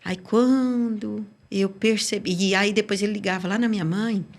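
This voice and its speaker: A woman guest on a church podcast giving her personal religious testimony, telling her story with lively acted-out dialogue. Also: normal speed. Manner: sweeping, swinging pitch as she tells her story.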